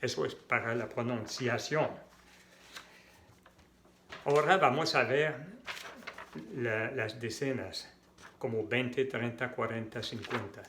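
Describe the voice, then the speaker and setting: Very slow, deliberate male language teacher. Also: mid-range voice, fairly even intonation, fairly bright tone, a little hiss or hum. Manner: deliberate, repeats words to model pronunciation. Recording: echoey room.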